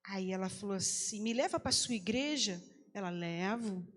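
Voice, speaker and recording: A woman pastor with a medium-pitched, expressive voice tells a testimony during a sermon at normal speed. She acts out the voices in the quoted lines, and the recording has a long hall reverb.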